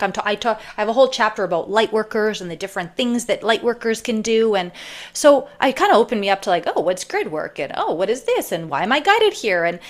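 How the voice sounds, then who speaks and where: A woman from Canada, a podcast guest and author, telling a personal story in a chatty, rambling way with many fillers. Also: mid-range voice. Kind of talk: casual storytelling interview.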